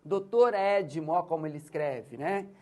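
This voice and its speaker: A woman's voice: low-pitched, moderate pace, mellow. A woman with a Brazilian Portuguese accent giving a university lecture, patiently walking through examples and checking that listeners follow. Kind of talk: recorded lecture on literacy.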